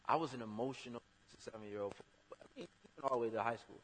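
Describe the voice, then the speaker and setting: A man preaching a sermon in a conversational way, breaking into loud, emphatic bursts. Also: medium pitch, quick pace, a little hiss or hum. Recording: long hall reverb.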